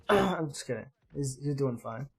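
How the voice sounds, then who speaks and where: A man hosting his gaming channel, giving excitable gameplay commentary, yelping and groaning at the action and swapping in mild words for swearing. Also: medium pitch, unhurried, vocal fry, a little hiss or hum. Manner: excitable, yelps and groans at the game.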